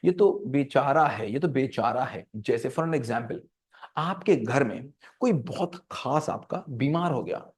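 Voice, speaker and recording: A man's voice: fairly high pitch, a little mellow. A middle-aged man giving an earnest motivational talk on parenting and life skills. He repeats phrases for emphasis and mixes English terms into his Hindi.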